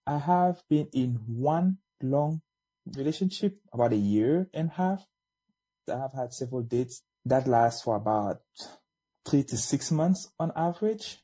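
A man in his late twenties from Cameroon, a guest speaking in a measured, slightly hesitant way. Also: medium pitch, expressive, mellow, slightly rough. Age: late 20s. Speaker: panel guest. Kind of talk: casual conversation.

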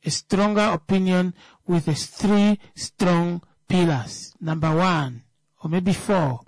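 Namibian accent, medium pitch, impromptu political talk, emphatic repetition, rhetorical questions, dry close sound. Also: slow, no echo. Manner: emphatic, repeats phrases, poses rhetorical questions and answers them. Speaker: political speaker.

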